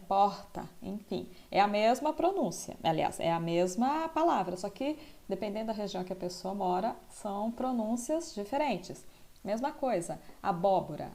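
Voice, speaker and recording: A woman's voice: mid-range voice, dark tone. A woman teacher explaining a school lesson, often checking in with tag questions.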